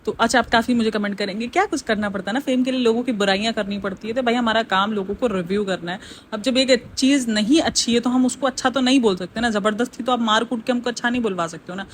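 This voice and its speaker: A woman's voice: on the high side, slight background noise. Blunt opinionated woman reaction vlogger. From Pakistan. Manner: blunt, opinionated, talks straight to viewers. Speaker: reaction YouTuber. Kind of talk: casual reaction commentary.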